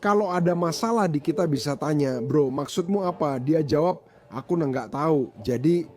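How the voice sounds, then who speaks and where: A man dubbing a bystander who excitedly recounts a fight to police in casual slang. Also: on the high side, normal speed, close to an everyday voice. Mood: agitated. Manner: agitated, animated retelling with slang. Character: agitated man recounting a brawl. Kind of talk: dubbed bodycam account.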